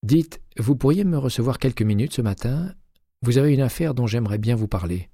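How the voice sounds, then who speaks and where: A man's voice: mid-range voice, lively intonation, brisk, dark tone, husky, no echo, clean studio sound, voice pushed up. A male audiobook reader voicing a retired male investigator who asks for favors in a polite, persuasive tone. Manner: polite, persuasive phone talk.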